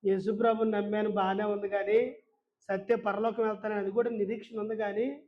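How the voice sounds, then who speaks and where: A man's voice: high voice, little pitch movement, brisk, highs cut off, close to an everyday voice. A man voicing a tearful old grandmother near death, pleading in a worried way during a sermon.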